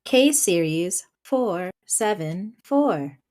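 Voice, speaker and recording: A woman's voice: medium pitch, drawn-out words. A woman voicing a formal, literal robot paladin in a tabletop game, talking in clipped voice-assistant tones. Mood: stiff. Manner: flat, clipped voice-assistant delivery. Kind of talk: online tabletop role-play.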